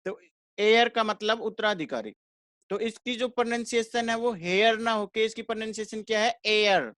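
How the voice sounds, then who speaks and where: Teaching English grammar in an online class, a man with a high voice speaks fairly quickly yet evenly, repeating each rule. He poses questions to students and answers them himself. The recording is close and dry, with no echo.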